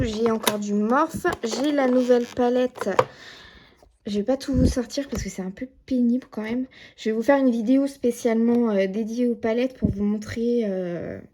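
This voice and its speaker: A woman with a fairly high voice vlogs about beauty from her dressing table at home, chatty and full of fillers and "voilà" as she shows her things. A camera or phone films close, and there's background noise.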